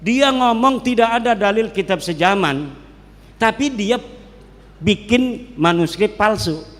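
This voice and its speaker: Man, cleric lecturing in a large hall, high voice, joking, long hall echo. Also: measured pace. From Banten, Indonesia. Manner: joking, lively, drops into regional dialects. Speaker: Islamic cleric speaking at a public gathering. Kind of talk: public religious lecture.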